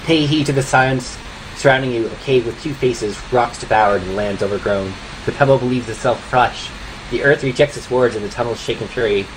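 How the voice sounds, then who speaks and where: A man playing a solemn prophet in a tabletop game, delivering warnings in a grave, incantatory way, over clear noise. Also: mid-range voice, a little fast, natural voice. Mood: ominous. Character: solemn prophet channeling ominous warnings from stones.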